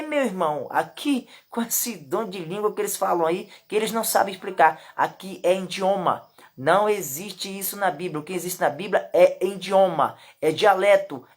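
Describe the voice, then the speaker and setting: A Brazilian woman with a Brazilian Portuguese accent and a medium-pitched voice teaches from the Bible. She reads scripture verses slowly, repeats her points emphatically, and speaks directly to the listener.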